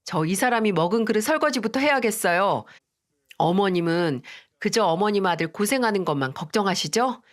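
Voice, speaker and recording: A woman's voice: medium pitch, animated, normal speed, natural voice. A woman voicing a defiant young wife who snaps dismissively at her mother-in-law in a read-aloud family drama story. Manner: snappish, dismissive.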